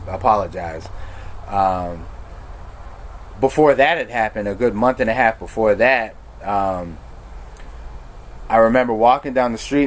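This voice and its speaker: A man with a lowish voice shares his recovery testimony, telling his personal story frankly and conversationally. He uses slang and corrects himself as he goes, with a little hiss or hum in the recording.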